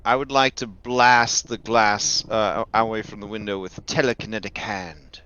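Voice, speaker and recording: A man chatting casually as a player in a tabletop roleplaying game, with a wry, playful deadpan manner. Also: fairly low pitch, normal speed, lo-fi sound. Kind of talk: casual in-character game chat.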